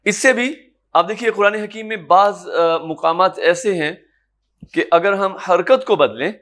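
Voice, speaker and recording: A man with a high-pitched voice gives a classroom lecture on Quran recitation. He explains each point patiently and stops to ask whether his students have understood. When he gives examples, he chants the words slowly. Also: fairly bright tone. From Pakistan. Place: lecture room in an academy.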